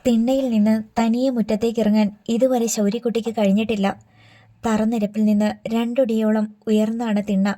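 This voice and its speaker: A woman narrating a story for an audiobook, reading the characters' dialogue in an even, gentle storytelling manner. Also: on the high side, fairly quick.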